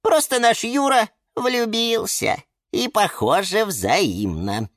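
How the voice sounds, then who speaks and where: A man voicing a fussy, excitable male lemon houseplant who turns shrill when upset, in a children's storybook. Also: takes it slowly, dry recording, clean studio sound, full character voice.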